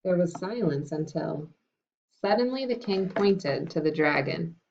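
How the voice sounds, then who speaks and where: A woman teacher talking to fifth graders and reading a picture book aloud in a friendly, unhurried way. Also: lowish voice, animated, a little mellow. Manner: friendly and unhurried, with some fillers. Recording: dull lo-fi recording.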